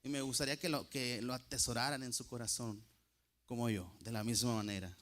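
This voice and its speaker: A man preaching a sermon to a congregation, calling them brothers and repeating key phrases slowly for emphasis. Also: medium pitch, steady tone, fairly bright tone.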